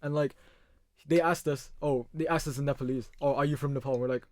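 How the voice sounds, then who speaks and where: A young man from Hong Kong, a guest on a casual podcast, rambling easily with lots of filler words and quick laughs. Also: fairly high pitch, steady tone, a little mellow, no room sound, studio quality. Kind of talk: casual chat.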